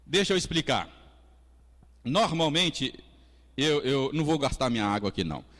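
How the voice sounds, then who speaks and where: A man's voice: mid-range voice, moderate pace. A man with a Brazilian Portuguese accent, a pastor preaching a Sunday school sermon in a conversational way, chatting with the congregation between points. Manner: lively, conversational preaching with audience asides and acted quotes. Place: church hall. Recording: long church reverb.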